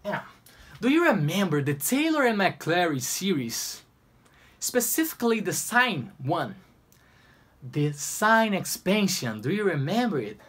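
A young Brazilian man, a math tutor whose first language is Portuguese, works through a problem at a whiteboard in a small room and playfully talks to himself. His high voice swings widely in pitch at a measured pace, with a fairly bright tone and a Brazilian Portuguese accent. A distant camera mic picks him up.

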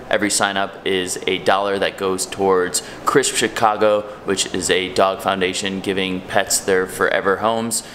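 A man's voice: lowish voice, a bit bright. Young male travel vlogger, upbeat, held at arm's length, light music under him. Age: young adult. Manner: upbeat, speaks straight to a handheld camera. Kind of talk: casual travel vlog narration. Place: outdoors and in a room on a road trip. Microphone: handheld camera at arm's length.

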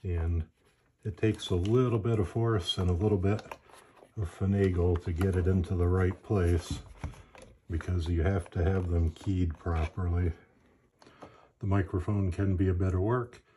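Male instructional narrator, deep and monotone, plainspoken and unhurried in manner. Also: slight background noise. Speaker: presenter of a gear demonstration.

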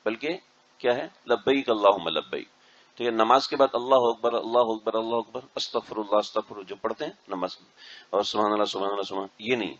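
Lecturing pilgrims on religious matters, this mufti keeps making sure his listeners understand. His voice is on the low side with fairly even intonation and a fairly bright tone, captured in a dull, lo-fi recording.

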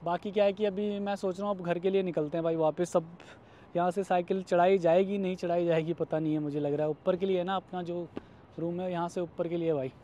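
A man's voice: high voice, fairly even intonation, brisk, warm tone, lo-fi sound, a little hiss or hum. A man in his thirties from India, chatting casually to viewers as he vlogs outdoors on city streets at night, phone held at arm's length. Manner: chatty, addresses viewers as guys and brother. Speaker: vlogger. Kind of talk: casual vlog narration.

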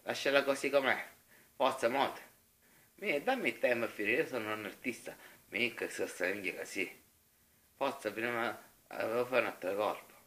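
A man's voice: medium pitch, normal speed, long pauses, bright, forceful tone, close to an everyday voice. A man with a Sicilian accent voicing irritable, impatient, foul-mouthed men bickering in a comic parody dub. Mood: irritated. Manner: impatient, slangy, complaining.

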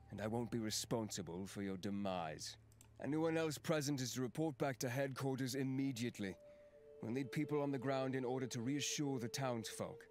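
A man acts out a weary general who leads monster hunters in a visual novel game. He is stern and formal, giving terse commands. Music plays clearly behind him. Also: mid-range voice, lightly acted.

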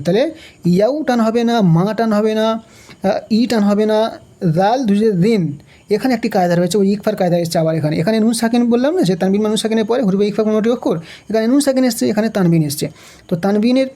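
A man with a Bangladeshi Bengali accent teaching Quran reading, spelling out letters and vowel marks, then chanting the words slowly in a higher tone. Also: dark tone. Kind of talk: step-by-step recitation lesson.

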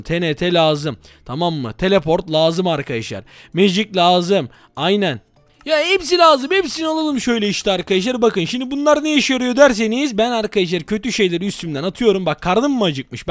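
A man giving excitable gameplay commentary, talking straight to his viewers at a rapid clip. His voice sits high for a man, and the sound is close and dry, with no room around it. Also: no echo. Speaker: gaming channel host.

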